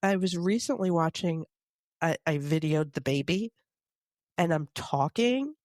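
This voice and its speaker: A woman's voice: on the low side, lively intonation, a little slow, a little mellow, no room sound, clean studio sound. A woman in her fifties from Long Island, co-hosting a casual chat. She is self-deprecating, laughs often and says "like" a lot. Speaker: podcast co-host.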